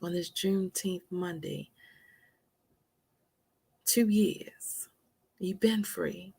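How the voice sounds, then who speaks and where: A woman hosting a motivational live stream, dropping to soft whispers for emphasis and calling listeners honey. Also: fairly low pitch, drawn-out words, creaky, breathy edge.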